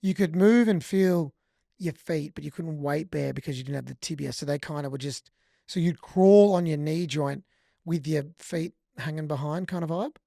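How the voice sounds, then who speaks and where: A man's voice: fairly high pitch, moderate pace, gravelly, dark tone, dry recording, studio quality. A man co-hosting a podcast, chatty and joking, poking fun at himself between questions. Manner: joking, chatty, self-mocking. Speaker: podcast co-host. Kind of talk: casual interview conversation.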